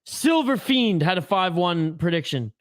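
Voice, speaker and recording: Hosting a hockey watch-along stream, this young Canadian man speaks in a fairly high voice with big pitch swings at a measured pace. He swears, chats loosely, and responds to viewer comments out loud. The sound is close and dry, with no echo or room sound.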